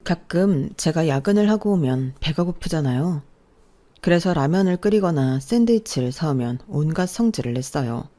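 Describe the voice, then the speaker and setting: A woman narrating a radio-drama story in a calm, confiding way. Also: low voice, normal speed.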